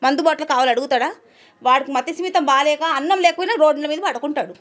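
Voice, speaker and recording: A woman's voice: sits high, quick pace, a bit bright. A woman speaking as an interview guest, arguing with rhetorical questions. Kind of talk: heated interview talk.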